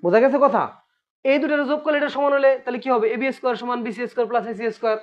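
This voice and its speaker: A man's voice: extremely high pitch, rapid-fire. Patient man teaching math. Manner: patient, asks students questions and repeats points. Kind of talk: classroom math lesson. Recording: dull lo-fi recording.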